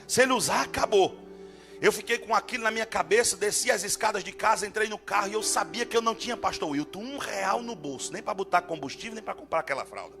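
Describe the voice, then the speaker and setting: A man preaching a storytelling sermon as guest preacher at a church service, fervent and rising to shouts. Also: high-pitched, fast, hardly any pauses, over music.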